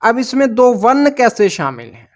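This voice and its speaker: A man's voice: extremely high pitch, big pitch swings. A man teaching a language lesson, patiently explaining and drawing out sounds. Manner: patient, drawn-out demonstration of sounds.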